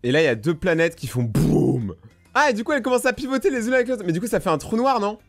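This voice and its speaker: A man's voice: high-pitched, racing, gravelly, soft background music. A young man hosting a reaction video, joking and talking straight to his viewers. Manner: jokey, animated, addressing viewers directly. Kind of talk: casual reaction commentary.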